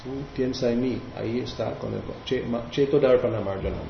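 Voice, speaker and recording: A man's voice: medium pitch, steady tone, a little fast, vocal fry, a little hiss or hum. Male spiritual teacher, hesitant explainer, roomy dull recording. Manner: hesitant, many restarts, explaining verses. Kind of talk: devotional class with questions.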